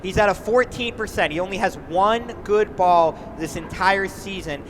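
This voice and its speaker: A man's voice: sits high, moderate pace, a bit bright, slight background noise. A man hosting a postgame press conference, asking pointed, probing questions of the players. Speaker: postgame interviewer host.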